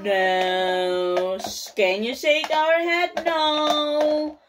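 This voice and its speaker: A woman's voice: sits high, little pitch movement, very slow, background noise. A woman talking to a toddler in simple, repeated, encouraging phrases as she teaches shapes, colors and short sentences.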